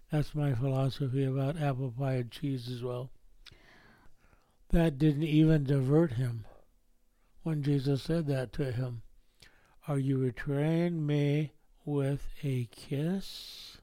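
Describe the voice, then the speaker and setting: A man's voice: medium pitch, dark tone, dry recording. A man preaching a sermon in a folksy way, often ending points with tag questions. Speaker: pastor.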